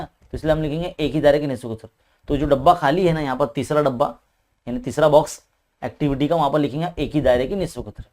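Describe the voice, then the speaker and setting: A man's voice: on the high side, darkish tone. A man with an Indian Urdu-speaking accent, a maths teacher working through an exam paper step by step and often adding a questioning "hai na". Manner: talks quickly. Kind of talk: paper-solving lesson.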